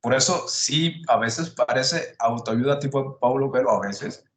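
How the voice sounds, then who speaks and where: A man's voice: mid-range voice, a little slow. Explaining man in an echoey room. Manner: thoughtful, builds arguments with rhetorical questions. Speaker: podcast host explaining psychology. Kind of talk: casual explanatory conversation.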